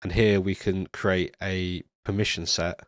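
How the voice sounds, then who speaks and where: A low-pitched man talks through a coding tutorial in steady, step-by-step fashion, now and then stopping on an um. He is ill, so his voice comes out nasal and stuffy. The sound is close and dry, with no room around it. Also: unhurried, dry recording. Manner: steady step-by-step explaining with occasional ums. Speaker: tutorial presenter. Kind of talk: screen-recorded coding tutorial narration. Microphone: studio USB microphone.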